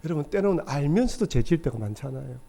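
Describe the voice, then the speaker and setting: A man's voice: a little high, expressive, fast talker, creaky, dark tone. A middle-aged man, a pastor, preaching a sermon in a church with earnest storytelling. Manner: earnest storytelling, acts out quoted voices. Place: church sanctuary.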